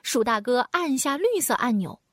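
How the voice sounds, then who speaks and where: A woman narrating a children's storybook in an animated, sing-song way, with playful sound words. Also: high-pitched, normal speed, no echo, clean studio sound.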